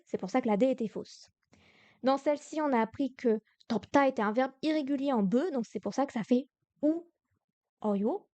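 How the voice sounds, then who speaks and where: A woman's voice: fairly high pitch, a little mellow, no echo. A young woman teaching Korean to beginners on a livestream, explaining each answer patiently and step by step. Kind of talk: livestream lesson.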